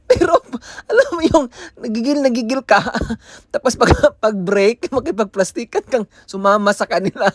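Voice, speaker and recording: A man's voice: extremely high pitch, expressive, a little slow, no echo, studio quality. A man from the Philippines telling a casual vlog story, switching between Tagalog and English and often laughing as he talks. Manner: chatty, laughs often through his stories. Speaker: vlogger.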